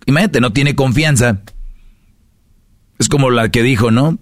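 A man's voice: medium pitch, moderate pace, no room sound, clean studio sound. A man with a Mexican Spanish accent hosting a casual podcast, lecturing his listeners with rhetorical questions. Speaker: podcast host.

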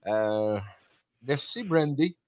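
A man's voice: mid-range voice, lively intonation, extremely slow, no room sound. A man with a Quebec French accent hosting a morning radio show, jovial and chatty, laughing easily. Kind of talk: casual radio chat.

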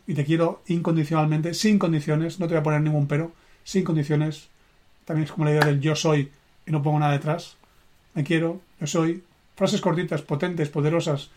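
Earnest Spanish-man, slightly high voice. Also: darkish tone. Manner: earnest, emphatic, with deliberate slow phrasing. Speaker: personal development coach. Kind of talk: motivational live stream talk.

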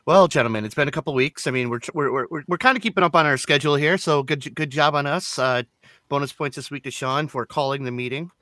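Chatty bright-voiced male podcast host. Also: on the high side, fast, no room sound, clean studio sound. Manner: chatty, laughs often, restarts sentences. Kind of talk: casual group chat.

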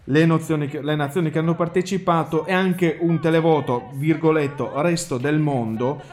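A man's voice: fairly high pitch, moderate pace, a little mellow. A man with an Italian accent giving casual live commentary in an emphatic, wry, repetitive way. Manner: emphatic, repeating himself, wry.

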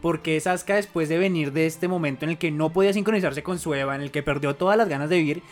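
Young man, high voice, crude quick banter, faint music. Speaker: podcast co-host. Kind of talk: casual chat about anime.

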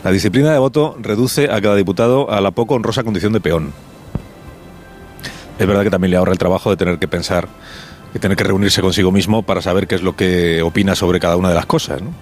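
A male radio host delivers a reflective opinion monologue in a low voice. He is ironic and often pauses with fillers and restarts. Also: steady tone, faint music behind. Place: on location at a parliament building.

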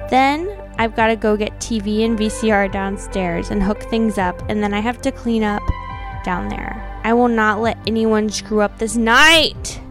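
Over music, a woman co-hosting a podcast talks a little slowly in a medium-pitched voice, keeping it chatty with plenty of "like" and "you know." She mixes casual conversation with dramatic readings of old notes.

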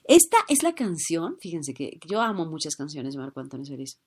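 A woman with a slightly low voice chats casually with her listeners. She plays out small scenes and keeps shifting her voice for them. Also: very animated, a little fast, a little mellow. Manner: playful, acts out little scenes in changing voices. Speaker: live stream host.

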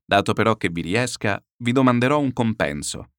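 A man doing a grave, gentle older moralist. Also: fairly low pitch, animated, clean tone, no echo, clean studio sound, close to an everyday voice. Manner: slow, grave, quietly reproachful. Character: calm pious older man, gently admonishing.

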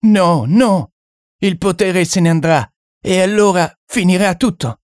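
Frantic French spiritualist, shrieking panic, much higher than the male reader's own voice. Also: a little slow, dry recording, studio quality. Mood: desperate. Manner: shrill, frantic shouting.

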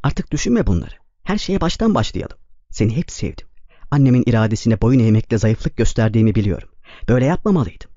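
A man's voice: medium pitch, very animated, fast, warm tone, dry recording, dull audio. A man reading an audiobook, voicing a hurt, pleading young woman. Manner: reproachful, pleading.

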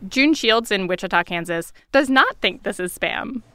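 A woman who co-hosts a podcast, talking in a relaxed, conversational way that moves between casual chat and narration, with filler words like 'like'. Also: medium pitch, normal speed, smooth. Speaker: podcast co-host and producer.

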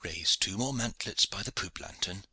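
A composed medieval knight leading men in battle, read by a man. He gives his orders quietly and evenly, with a cheerful calm, in a very bright, dry, low-pitched voice. Storybook reading. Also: normal speed, slightly rough, dry recording, exaggerated voice. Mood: quiet command.

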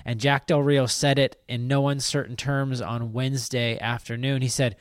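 A man's voice: mid-range voice, level tone, normal speed, no echo, clean studio sound. A man hosting a casual sports podcast, chatting loosely with filler words and easy laughs. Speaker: podcast host.

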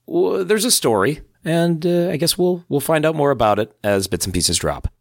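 Hoarse, joking male podcast co-host. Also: fairly high pitch, lively intonation, normal speed, dry recording. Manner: dry, joking banter. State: hoarse from lost voice. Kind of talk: casual chat.

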